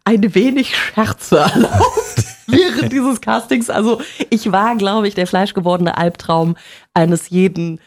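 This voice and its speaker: A middle-aged woman from Munich who works as a TV and radio presenter, telling stories in a casual conversation with a lively, laughing manner. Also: medium pitch, unhurried. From Munich, Bavaria.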